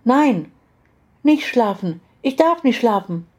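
A small, tearful girl, clinging and frightened, pleading in a high, thin childlike voice, as a woman reads her lines. The voice sits well above an adult's and keeps a mellow, dark tone beneath the crying. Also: moderate pace.

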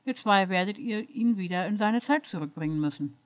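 A woman's voice: mid-range voice, a little fast, natural voice. A woman voicing a stern, scolding male starship captain in a read-aloud story, with a dull lo-fi sound. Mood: grave. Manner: scolding, lecturing.

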